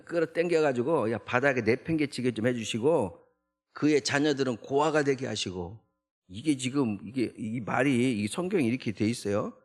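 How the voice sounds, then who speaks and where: A man, a junior pastor, giving an early morning prayer sermon in a church, talking conversationally and often tagging lines with a rhetorical "eh?". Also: medium pitch. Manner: conversational, with frequent rhetorical "eh?" tags; acts out the psalmist's protests in a raised voice. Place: church sanctuary.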